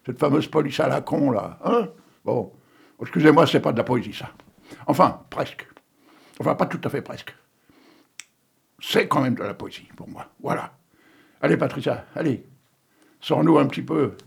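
Gravelly older man hosting poetry readings. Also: medium pitch, normal speed, long pauses. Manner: chatty, joking, digressive, coughing now and then. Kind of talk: casual chat and poetry reading.

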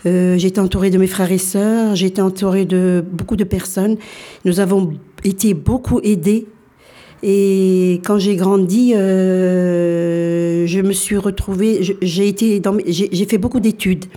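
A woman in her sixties, born in Algeria, telling her life story as a radio guest and often pausing to restart her sentences. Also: mid-range voice, steady tone, mellow. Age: 60s. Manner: hesitant, many fillers and restarts.

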